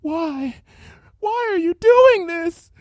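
A woman's voice: very high-pitched, lively intonation, moderate pace, dry recording, voice pushed up. A woman voicing a timid young female pegasus pony, stammering and pleading. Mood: frightened, pleading.

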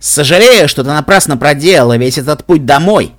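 A man's voice: on the high side, animated, moderate pace, a bit bright. A man voicing a haughty female griffin commander who speaks sharply and dismissively.

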